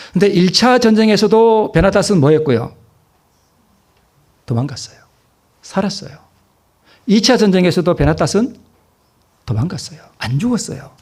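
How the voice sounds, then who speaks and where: A man's voice: high-pitched, darkish tone. A man preaching a sermon as a pastor, asking the congregation questions and answering them himself, repeating points for emphasis.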